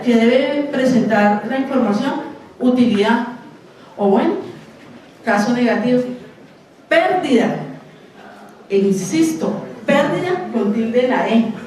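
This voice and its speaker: A woman with a Colombian accent giving a university lecture, who keeps asking her audience questions and talks slowly and deliberately. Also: fairly high pitch, a little mellow. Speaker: conference lecturer. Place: university auditorium. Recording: echoey hall, voice from far off.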